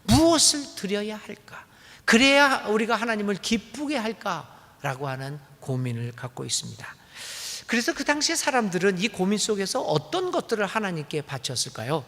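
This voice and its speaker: A man's voice: high-pitched, sharp tone. A man preaching a sermon as pastor, dramatic and full of rhetorical questions, sometimes acting out pleading voices. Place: church sanctuary. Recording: long reverb of a church hall.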